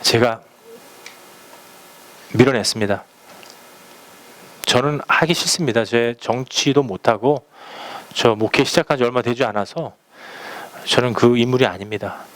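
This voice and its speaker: A male pastor preaching in a loose, conversational way, weaving stories from his own week into the sermon. He acts out the voices of the people who called him. His pitch sits at a middle register for a man. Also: unhurried, long pauses, fairly bright tone. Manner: conversational storytelling, acts out quoted phone calls. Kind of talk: sermon with personal anecdotes.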